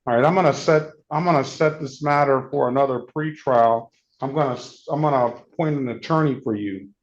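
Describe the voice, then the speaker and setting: A man's voice: mid-range voice, fairly quick. A man presiding as judge in a courtroom recording, calling cases and giving procedural instructions in a matter-of-fact way, repeating key points. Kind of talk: court proceedings, reading case calls. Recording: dull lo-fi courtroom audio with faint hiss.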